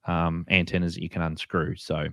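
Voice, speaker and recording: Co-hosting a radio hobby show, a man with an Australian or New Zealand accent casually runs through products for beginners in a chatty way. His low voice is monotone, pushed, and bright, at normal speed, in a dry, clean studio recording.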